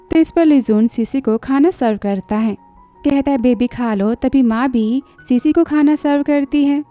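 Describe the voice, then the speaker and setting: A woman's voice: high voice, mellow. A woman narrating a drama recap in a chatty storytelling way, briefly acting out the characters' lines.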